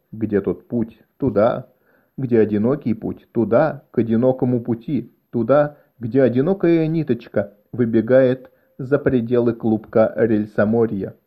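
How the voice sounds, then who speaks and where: A man narrating an audiobook in a measured, even storytelling manner. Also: mid-range voice. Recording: dull lo-fi recording.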